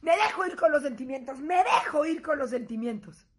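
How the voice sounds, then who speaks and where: Mexican woman vlogger, high voice, animated, salty storyteller who acts out voices. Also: fairly quick. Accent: Mexican Spanish. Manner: animated, swearing, laughing through her story. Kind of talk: casual storytelling to viewers.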